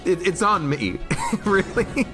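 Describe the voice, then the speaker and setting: Guy streaming a game, rambly and jokey, pitch bouncing all over, game music behind. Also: animated, takes it slowly. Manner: rambling, jokey, reads chat aloud. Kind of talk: casual gameplay commentary.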